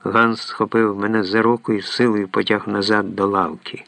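A male narrator reads a story in a measured way, his voice low with a gravelly creak. The sound is close and dry. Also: flat delivery, a bit bright, no echo. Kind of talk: audiobook narration.

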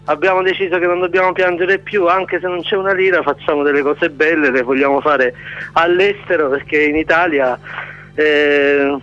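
A man's voice: a little high, fairly even intonation, normal speed, a bit bright. A man, a documentary director, calling into a radio interview over the phone, rambling with lots of hesitant fillers. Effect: heard over the phone. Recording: dull lo-fi phone line, faint music.

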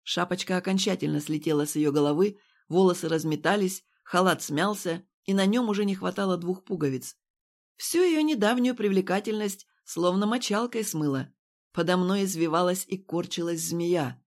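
A woman's voice: lowish voice, moderate pace. Woman reading an audiobook. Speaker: audiobook reader. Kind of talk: scripted narration.

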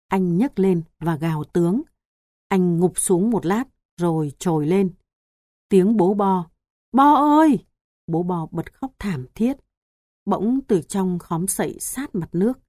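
A woman narrating a storybook in a calm, measured reading. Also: on the low side, dry recording, studio quality. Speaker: audiobook narrator.

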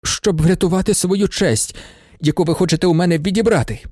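A man voicing an overwrought, theatrical male swindler who talks in a high, agitated, melodramatic way in a storybook reading. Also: brisk, darkish tone, no room sound, clean studio sound.

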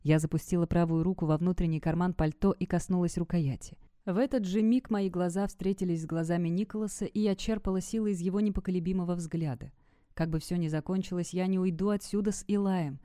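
A woman narrating a dark fantasy novel in first person, reading dramatically. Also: on the low side, steady tone, quick pace, no room sound, clean studio sound. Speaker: audiobook narrator. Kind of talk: fiction audiobook narration.

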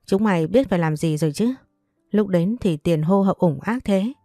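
A woman's voice: medium pitch, expressive, normal speed, mellow, no room sound, clean studio sound, faint music behind, close to an everyday voice. A woman voicing a cold, commanding young man in his late twenties who gives curt, menacing orders.

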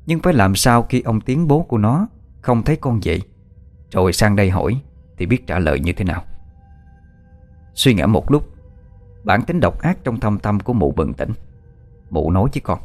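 Male horror-story narrator, slow and measured delivery, low voice, faint music under him. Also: sing-song, darkish tone.

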